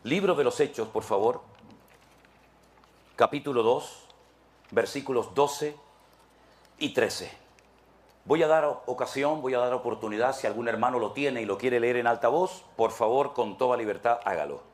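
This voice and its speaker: Preaching in church with a Spanish accent, a pastor poses rhetorical questions and alternates between forceful and hushed moments. He speaks at medium pitch and normal speed, leaving long pauses.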